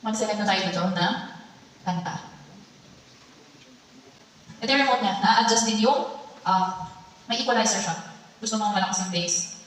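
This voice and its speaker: A woman's voice: mid-range voice, moderate pace, pauses often. A woman testing a karaoke microphone, her voice run through a digital echo effect while she calls out sound checks. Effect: digital echo from a karaoke speaker. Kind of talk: product demo. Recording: echoey speaker playback heard from far off.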